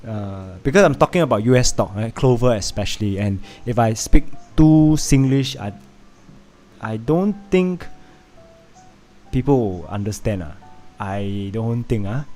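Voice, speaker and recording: A man from Vietnam, speaking with a Singaporean English accent, casually hosts a live stream and talks with viewers as soft music plays behind him. His voice is on the low side, darkish, expressive and a little slow, and he often laughs and fills gaps with "uh" and restarts.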